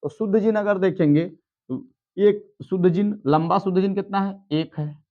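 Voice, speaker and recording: A man's voice: high-pitched, moderate pace, dull audio. A man teaching a biology lesson at a board, explaining step by step and checking in with students. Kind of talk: blackboard lesson.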